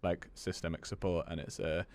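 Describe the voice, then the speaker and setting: A man's voice: deep voice, flat delivery, moderate pace, a little mellow. A man hosting a podcast in casual chat, with dry, teasing humour. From Leeds. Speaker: podcast host.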